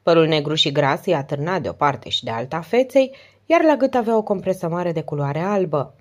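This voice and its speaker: A woman narrating an audiobook with a steady, expressive reading. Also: low-pitched.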